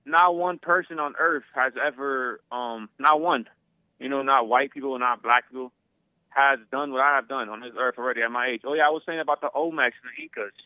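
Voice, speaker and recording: This man phones in to argue on a talk show, his medium-pitched voice a little fast with no room sound. The line is tinny, and he pushes his case insistently, repeating himself as he trips over words.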